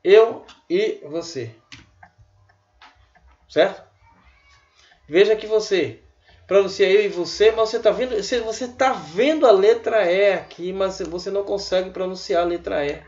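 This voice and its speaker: A man giving a casual online language lesson, chatty and repeating words slowly for his students. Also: sits high, a little mellow, muffled recording. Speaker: language teacher.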